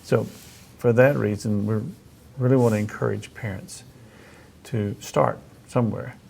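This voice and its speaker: A middle-aged man hosting a casual conversational interview, speaking haltingly as he thinks aloud and rephrases. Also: on the low side, fairly even intonation, vocal fry, darkish tone, slight background noise. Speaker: host interviewing about reading aloud to children.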